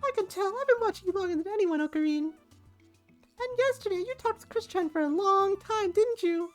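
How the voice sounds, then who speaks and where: A woman's voice: very high-pitched, expressive, a little fast, faint music behind, voice pushed up. A woman voicing a sweet, airheaded teenage girl in a read-through of a visual novel, with a childlike, sing-song manner. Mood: caring coaxing.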